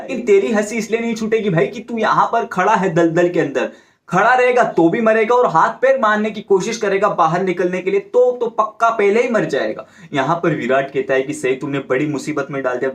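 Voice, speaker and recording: A man casually retelling a TV serial episode in a chatty, animated way, acting out the characters' lines. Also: high-pitched. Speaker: TV serial recap narrator. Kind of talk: casual storytelling recap.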